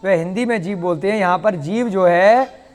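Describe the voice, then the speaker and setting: High-voiced teacher in a reverberant room. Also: male voice, moderate pace. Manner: patient, explains with questions and playful asides. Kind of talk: online language class.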